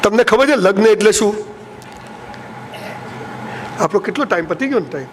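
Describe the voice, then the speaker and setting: A man's voice: high-pitched, expressive, normal speed, noisy background. A man with a Gujarati accent giving a live motivational speech to a seated audience, joking and acting out lovers' lines in playful voices. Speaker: motivational speaker.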